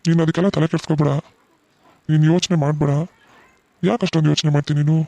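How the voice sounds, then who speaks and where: A man voicing a gentle middle-aged village father in a cartoon, soothing and reassuring his daughter. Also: fairly high pitch, flat delivery, racing, creaky, no echo. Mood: comforting. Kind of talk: cartoon voice acting.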